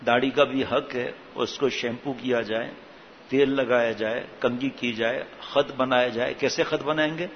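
A man's voice: medium pitch, fairly even intonation. Man preaching in a dull lo-fi recording. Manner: conversational, with rhetorical questions and mid-word restarts. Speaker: religious preacher. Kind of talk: informal religious talk. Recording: dull lo-fi recording with faint hiss.

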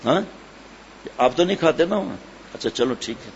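A man preaching a sermon, telling stories with animated, indignant rhetorical questions. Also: mid-range voice, slight background noise. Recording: slightly dull lo-fi sermon recording.

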